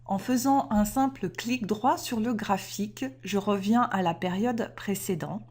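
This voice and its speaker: In a screen-recorded tutorial, a woman walks through trading software step by step, methodically and clearly, making small self-corrections along the way. Her mid-range voice is unhurried.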